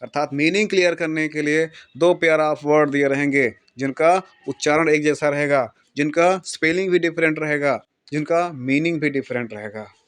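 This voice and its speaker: A man teaching English grammar for exams, slowly dictating example sentences, repeating them and quizzing his students. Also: fairly high pitch. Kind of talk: exam-prep lesson explaining in Hindi.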